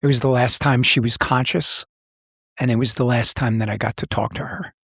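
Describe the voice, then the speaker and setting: Husky and a bit bright, with vocal fry and fairly even intonation, this medium-pitched voice moves at a moderate pace. It belongs to a middle-aged former police officer who hosts a podcast and tells personal stories conversationally in a serious, plain-spoken, reflective way. The recording is dry and studio clean.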